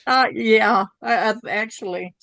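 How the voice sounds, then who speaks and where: A woman's voice: fairly high pitch, a little slow, creaky, a bit bright, no echo. An older woman with an Oklahoma Southern twang and drawl, chatting casually. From Oklahoma, United States. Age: 60s or older. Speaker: spiritual channeler, guest. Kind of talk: casual chat.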